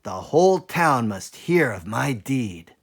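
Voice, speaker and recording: A man's voice: medium pitch, very animated, slow pace, heavily acted. A man voicing an eager, boastful little tailor in a storybook, exclaiming with self-importance. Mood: boastful, excited.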